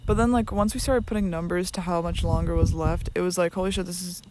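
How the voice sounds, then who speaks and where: A woman's voice: on the low side, fast talker. A young woman co-hosting a podcast, chatting casually and giving blunt opinions with loose fillers. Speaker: podcast co-host. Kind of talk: casual chat. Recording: noisy home recording.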